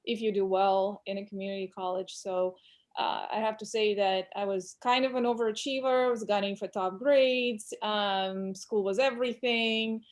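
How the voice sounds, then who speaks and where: A woman's voice: mid-range voice, steady tone, normal speed. Woman telling her story. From Russia. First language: Russian. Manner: candid, reflective storytelling. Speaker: employment lawyer, guest. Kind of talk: casual interview chat.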